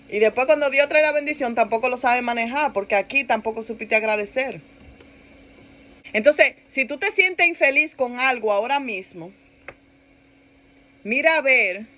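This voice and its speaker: A woman pastor preaching a sermon in an animated way, repeating phrases for emphasis and asking her listeners for agreement. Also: on the high side. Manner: animated preaching, laughs and acts out quoted complaints.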